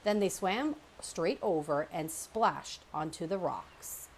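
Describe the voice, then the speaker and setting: Expressive woman reading a children's book. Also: lowish voice, slow, breathy edge. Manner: expressive, storytelling. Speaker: storybook reader. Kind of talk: children's book read-aloud narration.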